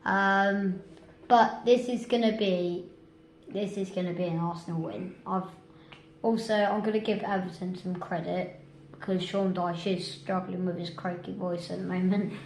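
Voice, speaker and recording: A woman's voice: fairly low pitch, steady tone, normal speed, a little mellow. A woman hosts a casual football prediction chat, talking in a chatty, hesitant way with many restarts. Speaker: host. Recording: echoey room, faint noise.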